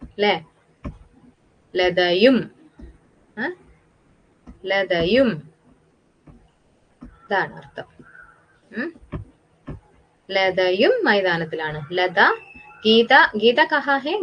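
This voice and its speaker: A woman's voice: medium pitch, highs cut off. Patient Malayali woman teaching Hindi. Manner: patient, repeats words slowly, asks questions back. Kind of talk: online class explaining to students.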